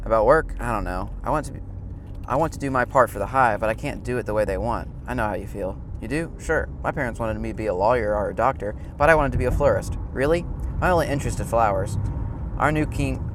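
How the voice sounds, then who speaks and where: A man reading a film script aloud inside a car, sometimes projecting loudly, with vehicle and wind noise behind him. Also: mid-range voice.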